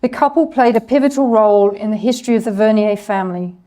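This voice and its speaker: Reading steadily from a script, a woman presents history to an audience, stumbling a little over French names and apologizing for her French pronunciation. She has a mid-range, dark-toned voice and talks fast.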